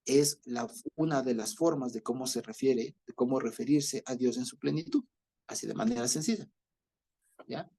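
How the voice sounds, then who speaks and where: A man with an Ecuadorian accent teaching a Bible study, explaining slowly and often checking that his listeners follow. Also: mid-range voice, creaky, dark tone. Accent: Ecuadorian Spanish. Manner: explanatory, repeats himself with many fillers and checks for understanding. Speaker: preacher.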